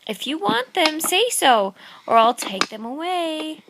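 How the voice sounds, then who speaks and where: Little Babaji, a woman squeaking as a pleading small boy. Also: very animated, a little slow, noisy background, full character voice. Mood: calling out. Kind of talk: storybook read-aloud.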